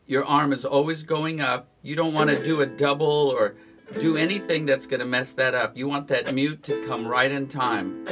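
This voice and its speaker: A man teaching guitar strumming in a relaxed, instructional way, counting the beats aloud as he plays. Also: medium pitch, moderate pace. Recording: guitar playing behind the voice.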